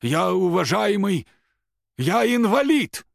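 A man voicing a pompous, indignant old man who shouts and blusters. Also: high-pitched, very animated, takes it slowly, gravelly, dry recording, clean studio sound, voice pushed up, heavily acted. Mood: outraged. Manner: shouting, self-righteous, blustering.

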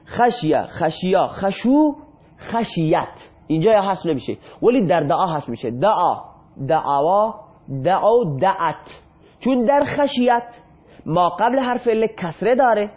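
High lively guy teaching grammar, asks then answers himself, muffled lo-fi sound. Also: slightly rough. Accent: Iranian Persian. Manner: asks questions and answers them himself, drills verb forms. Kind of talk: classroom grammar lesson. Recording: dull lo-fi classroom recording.

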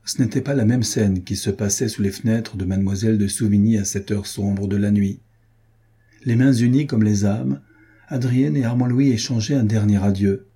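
A man narrating a historical novel as an audiobook, measured and steady. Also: lowish voice, breathy edge.

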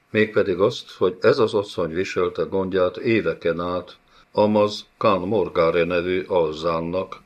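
Male narrator, very low voice, steady dramatic reading; slightly muffled recording. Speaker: audiobook narrator. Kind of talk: scripted fantasy narration.

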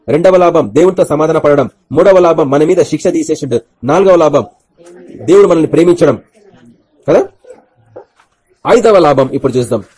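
A man preaching a Good Friday sermon, firing rhetorical questions at the congregation and swinging between loud bursts and quiet asides. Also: fairly high pitch, breathy edge. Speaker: pastor.

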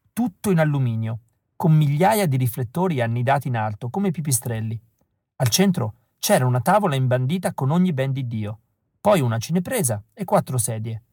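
A male audiobook reader narrating a story in a wry, deadpan way. His voice sits at a middle pitch. The recording is dry and close, with no room sound. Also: no echo. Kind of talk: scripted narration.

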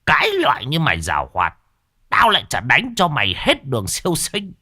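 A stern, quick-tempered old exorcist, acted by a man narrator, loud and commanding. His pitch swings widely, and the recording is dry and close. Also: huge pitch swings, no echo, exaggerated voice. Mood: furious. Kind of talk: audio ghost story narration.

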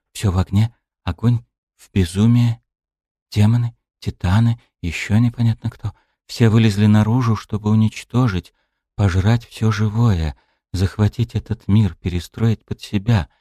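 A man reads a dark fantasy audiobook in the first person, grim and brooding. His voice sits low. The recording is dry and close, with no room sound. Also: no echo. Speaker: audiobook narrator.

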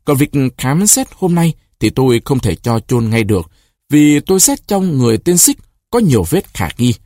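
A man's voice: mid-range voice, very animated, moderate pace, warm tone, no echo, studio quality, close to an everyday voice. A man voicing a stern, greedy male district magistrate who speaks in a cold, officious way, in a storybook reading.

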